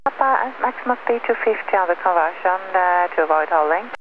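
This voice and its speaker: A man working as an air traffic controller, calling out headings and clearances in clipped digit-by-digit phraseology over aviation radio. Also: sits high, expressive, fairly quick. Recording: tinny radio transmission with background noise.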